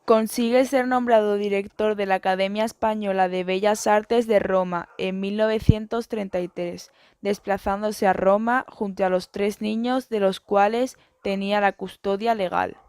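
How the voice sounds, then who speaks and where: Woman narrating a school lesson, smooth clean voice, dry close sound, steady pace. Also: mid-range voice, unhurried, dry recording. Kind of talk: read educational narration.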